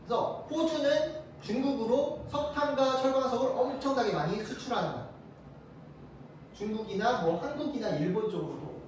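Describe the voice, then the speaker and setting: A teacher giving a casual classroom lecture, firing quick rhetorical questions at the students. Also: medium pitch, noisy background. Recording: very echoey room, mic far off.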